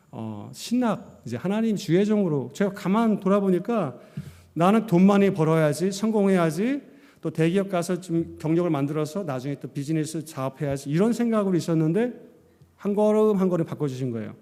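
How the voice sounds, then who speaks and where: A male pastor preaching a sermon, telling his story with lively acted-out lines. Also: fairly high pitch, a little fast, long reverb tail. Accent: Korean. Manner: animated storytelling, acting out his own past words. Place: church sanctuary.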